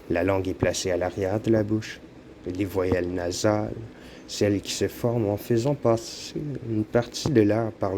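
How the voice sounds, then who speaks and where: A man with a Quebec French accent narrates an educational lesson in a slow, measured reading. His voice sits on the low side with a dark, mellow tone. Faint background noise sits under the recording. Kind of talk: scripted narration.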